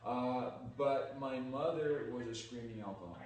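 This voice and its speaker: A man's voice: mid-range voice, moderate pace. Older california guy reminiscing, candid and thoughtful, far from the mic in a big echoey room, faint hiss. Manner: reflective, candid storyteller. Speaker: guest musician. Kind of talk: casual interview chat.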